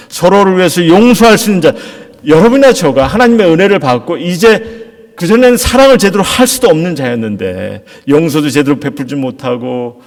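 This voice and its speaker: A middle-aged male pastor delivers a sermon in a lively, rising-and-falling voice with a gravelly edge. He talks earnestly and poses rhetorical questions to the congregation, and his voice trails off into a long reverb of a church hall. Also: mid-range voice. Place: church sanctuary.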